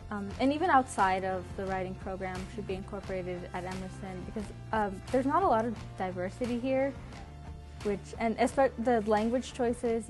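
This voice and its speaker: A woman's voice: medium pitch, a little mellow. A woman student with a mid-range voice speaks earnestly and a little hesitantly. Faint music sits in the background. She is recorded for a documentary interview. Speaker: college student.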